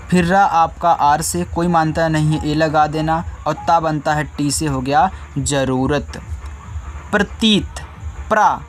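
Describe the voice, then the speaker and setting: Man slowly spelling words out for kids. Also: a little high. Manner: patient, repeats each letter slowly for children. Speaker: teacher. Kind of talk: step-by-step spelling lesson.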